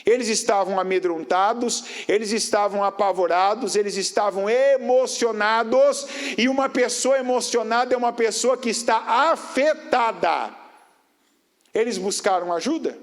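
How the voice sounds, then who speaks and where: A man preaching a sermon, firing rhetorical questions at the congregation and swinging between raised emphatic phrases and low, quiet stretches. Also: normal speed.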